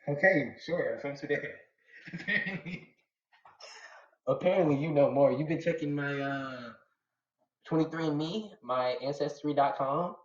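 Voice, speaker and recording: This time the young Atlanta manga streamer's voice runs on the high side, a little slow, with frequent pauses. He keeps up his slangy, chatty rambling and responds to his viewers' messages. The audio comes from a roomy, somewhat dull home setup.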